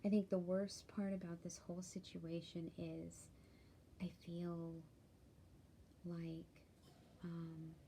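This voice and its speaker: A tired woman giving a candid personal vlog update in a soft, worried voice, often dropping into whispers and yawning. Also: fairly low pitch, level tone, slow pace, pauses often, a little hiss or hum. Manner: tired and worried, soft-spoken, many ums, drifts into whispers. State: sleepy, yawning. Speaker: vlogger sharing a health update.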